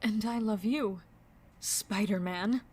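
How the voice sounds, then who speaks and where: A woman's voice: mid-range voice, slow pace, darkish tone, slightly rough. A woman voicing a seductive, willful and playful masked cat burglar with a sultry, theatrical delivery in a comic dub. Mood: seductive, coaxing.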